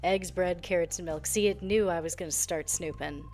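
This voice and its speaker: A woman's voice: on the low side, fairly even intonation, normal speed, a little mellow, faint music behind. Sarcastic young woman ranting over gameplay. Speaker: gaming video creator. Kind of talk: casual game commentary.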